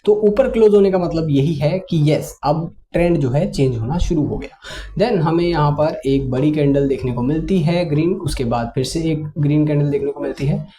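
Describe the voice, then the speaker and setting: A man explaining chart reading in a casual, conversational lesson, often pausing on fillers. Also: on the high side, dark tone. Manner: conversational, many fillers and English words mixed in. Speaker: trading teacher.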